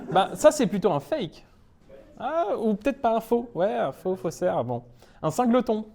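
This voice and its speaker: Brief: man from France, young adult, meetup speaker, playful self-mocking humour, lively swoops in pitch. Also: a little slow, creaky. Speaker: conference speaker. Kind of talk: humorous tech talk to a live audience. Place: meetup talk room.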